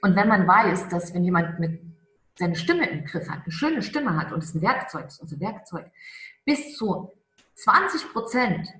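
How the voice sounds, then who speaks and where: A woman's voice: lowish voice, lively intonation, fairly bright tone. Emphatic woman coach in a roomy echo. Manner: emphatic, coaching tone with slow stressed words. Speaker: charisma coach, interview guest. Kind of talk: conversational interview.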